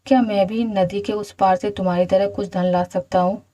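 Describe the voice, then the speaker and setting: Greedy king, read by a woman, storybook, eager questioning, mellow dark voice. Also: medium pitch, steady tone, normal speed, close to an everyday voice.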